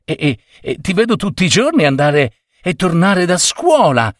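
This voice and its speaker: A man voicing a lonely, kindly old pensioner who speaks softly with a chuckle. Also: high-pitched, sing-song, normal speed, no room sound, studio quality, pitched above the performer's own voice.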